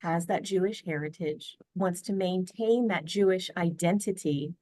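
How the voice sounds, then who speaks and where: A woman's voice: on the low side, unhurried, mellow, dry recording. Earnest chatty American woman on a video call. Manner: earnest, chatty, many fillers and restarts. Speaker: podcast guest. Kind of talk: casual storytelling interview.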